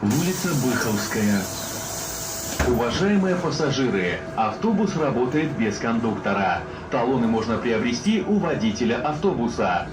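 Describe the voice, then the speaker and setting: A man reading formal passenger notices, played over a bus PA loudspeaker. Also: mid-range voice, big pitch swings. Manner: formal, deliberate announcing. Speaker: bus service announcer. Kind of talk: prerecorded transit announcement. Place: inside a moving city bus. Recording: echoey, distant, noisy bus interior.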